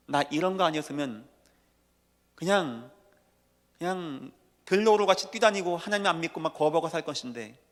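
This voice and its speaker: Male pastor, sermon, higher-pitched, hushed-to-booming delivery, reverberant sanctuary. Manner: emphatic, swings between hushed and shouted lines. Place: church sanctuary. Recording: long church reverb.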